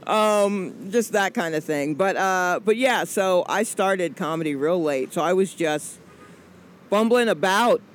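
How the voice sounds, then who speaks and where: This Atlanta comedian in her forties has a lowish, unhurried voice. As a guest in a relaxed interview, she rambles and cracks jokes, leaning heavily on filler words in her Southern way of talking.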